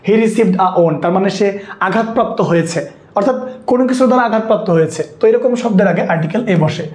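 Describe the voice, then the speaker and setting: Talking fast in a high, darkish voice with a reverberant sound, a man with a Bangladeshi Bengali accent runs an online exam-prep lesson on English grammar. He checks whether his students are keeping up and goes over his points again.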